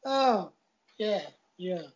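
A man's voice: high-pitched, lively intonation, extremely slow. A man hosting a podcast, chatting casually over a video call in a rambling, self-deprecating way. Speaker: podcast host. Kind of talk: casual review chat. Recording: dull lo-fi call audio.

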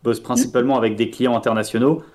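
A man's voice: mid-range voice, fairly even intonation, quick pace, darkish tone. A man with a Burgundian French accent, chatting casually in a group discussion and telling anecdotes from his work in a matter-of-fact way.

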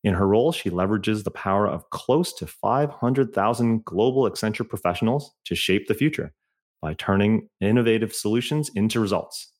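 A man's voice: fairly low pitch, lively intonation, moderate pace, a little mellow. A man hosting a podcast interview, talking in a friendly, conversational way. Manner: friendly, conversational with filler phrases. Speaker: podcast host.

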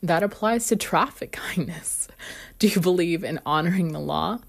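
A woman's voice: lowish voice, moderate pace, vocal fry, slightly rough. A woman hosting a motivational self-help podcast, telling personal stories earnestly with frequent light laughs. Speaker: podcast host.

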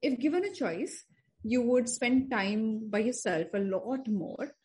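Woman, podcast host; probing interviewer, voice pitched a bit high. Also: animated, a little slow, a little mellow. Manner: probing, affirming listener. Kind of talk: interview questions.

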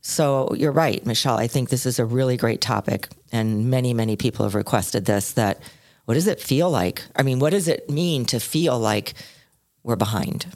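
Older woman podcast cohost, low deep voice, dry close sound, tells stories expressively. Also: normal speed, dry recording. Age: 60s. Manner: expressive storyteller, swings between low and high pitch. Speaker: podcast co-host. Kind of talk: casual chat.

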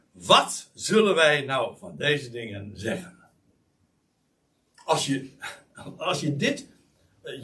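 A man's voice: mid-range voice, a bit bright, distant mic. A man preaching a sermon, explaining a Bible passage with many restarts and fillers, then rising sharply on the words he stresses. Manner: emphatic, rises sharply on key words.

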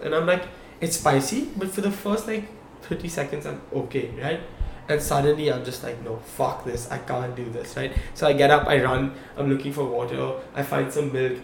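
With medium pitch and some vocal fry, a young man co-hosting a podcast spins a long story in casual conversation, animated and checking in with "okay? right?" as he goes. The room is echoey, with a faint hum behind him.

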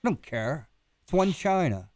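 A man's voice: a little high, sing-song, normal speed, a little mellow, dry recording, studio quality. A man on a talk show giving casual, blunt and dismissive political opinions.

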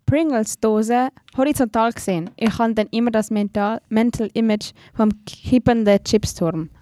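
A woman's voice: a little high, a little slow, warm tone. A young woman co-hosting a podcast in bubbly, slangy casual chat. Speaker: podcast co-host.

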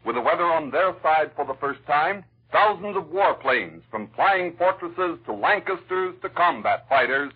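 An American man delivers war news as an old 1940s radio announcer. His voice is very husky and a little high, with a formal, dramatic delivery. It comes through a narrow, tinny vintage broadcast. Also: animated, moderate pace, hardly any pauses. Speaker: radio newscaster. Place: radio newsroom.

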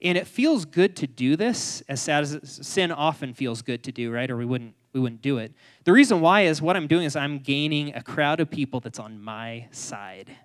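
A man's voice: a little high, lively intonation, moderate pace. A man preaching a sermon on a Bible passage, talking casually and often putting questions to his congregation. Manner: conversational, asks the room questions. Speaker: pastor.

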